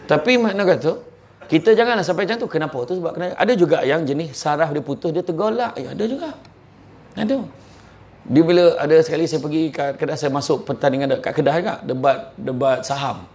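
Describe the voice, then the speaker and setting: Lively storytelling man, slightly high voice. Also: fast. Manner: animated storyteller, colloquial and joking. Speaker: motivational speaker. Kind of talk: live motivational talk with religious stories.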